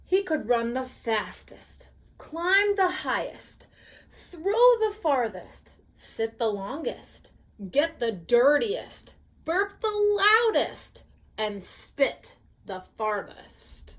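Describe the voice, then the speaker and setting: Slow, gentle woman reading a bedtime story. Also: high voice. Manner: slow, gently expressive reading with questions to the listener. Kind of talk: reading a picture book aloud.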